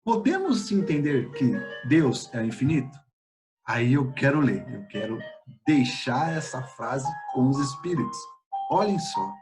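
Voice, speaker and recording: A man with a Brazilian Portuguese accent giving a spiritist study lecture, speaking in a measured, halting way with pauses and filler sounds. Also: medium pitch, sing-song, music in the background.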